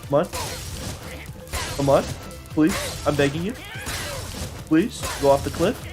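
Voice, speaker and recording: A young adult man streaming a video game, talking in an excitable, rambling way with many fillers and restarts as he plays. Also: a little high, takes it slowly, over music. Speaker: gaming streamer. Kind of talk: live gameplay commentary.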